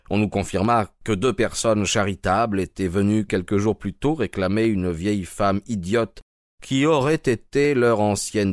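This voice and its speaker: Deep guy narrating a story, steady and measured, dead dry studio sound. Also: no echo. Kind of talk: scripted dramatic narration.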